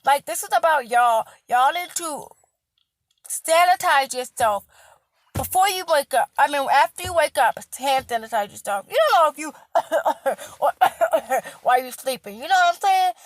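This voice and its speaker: A woman's voice: high voice, animated, moderate pace, no room sound. A woman healthcare worker, ranting emphatically in a casual vlog and repeating her points. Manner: emphatic, repetitive, stressing words loudly.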